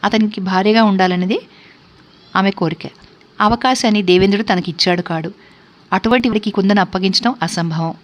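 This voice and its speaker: Woman telling a story, measured. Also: medium pitch. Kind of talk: storybook narration.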